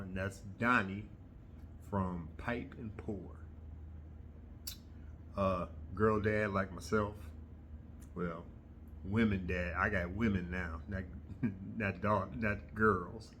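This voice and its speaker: A middle-aged man chatting casually to his viewers in a rambling, halting way, often pausing mid-sentence. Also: low-pitched, fairly bright tone, a little hiss or hum. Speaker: host of a hobby video channel. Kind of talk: casual rambling vlog chat.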